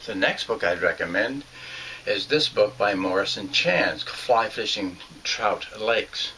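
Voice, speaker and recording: Slow and sharp-toned, a lowish male voice delivers a fly fishing lesson against slight background noise. The older man speaks plainly and earnestly from a small shelved room at home, with some fillers and restarts.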